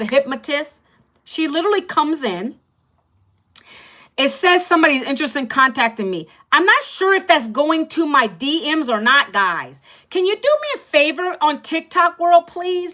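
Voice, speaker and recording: A middle-aged woman hosting a casual livestream, talking straight to her viewers with energy and emphasis as she pitches an online course. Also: pushed and bright.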